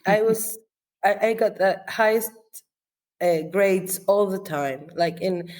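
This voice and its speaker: A chef from Israel whose first language is Arabic is interviewed in a relaxed, conversational way. She speaks reflectively, with fillers, restarts, and frequent laughter. Her medium-pitched voice is a little mellow, and she takes her time.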